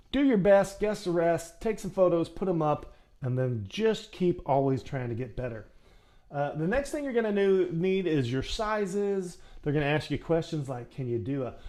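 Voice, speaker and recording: Male acting coach, fairly high voice, very animated delivery, folksy and direct to camera. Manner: chatty, folksy, addresses viewer directly. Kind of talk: casual how-to talk.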